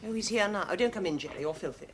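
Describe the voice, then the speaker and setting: An actress playing a prim, pompous, fussy suburban wife, in the stiffly formal manner of a 1970s sitcom. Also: female voice, medium pitch, expressive, racing, heavy background noise, natural voice. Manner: stiffly formal, easily affronted.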